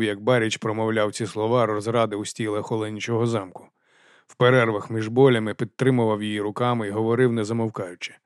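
A man narrating a first-person fantasy audiobook in a measured, quiet storytelling voice. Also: fairly low pitch, no room sound, clean studio sound.

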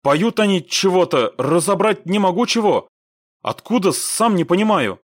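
A man voicing a young radio operator who reports from a battle in high, tense, clipped bursts. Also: lively intonation, unhurried, no room sound, clean studio sound. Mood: urgent. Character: young male radio operator, urgent and strained.

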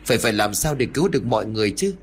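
A man's voice: medium pitch, animated, racing, a little hiss or hum, close to an everyday voice. A man voicing a frightened young male apprentice exorcist who stammers anxiously, in an audiobook ghost story. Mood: panicked.

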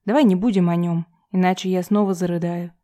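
A woman's voice: on the low side, fairly even intonation, fairly quick, mellow, lightly acted. A woman reading the lines of a weary pregnant young student in her own voice.

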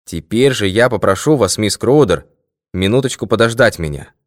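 A male audiobook reader voicing a calm, confident middle-aged detective in a composed, measured tone. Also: on the low side, no echo, clean studio sound, voice pushed up, lightly acted. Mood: assured. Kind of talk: audiobook character voice.

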